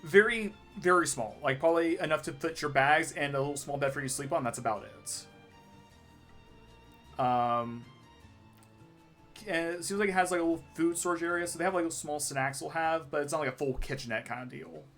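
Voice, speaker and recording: A man's voice: on the high side, a little fast, fairly bright tone. A man narrating a tabletop role-playing game as game master in a casual, conversational, improvised way. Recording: faint music behind the voice.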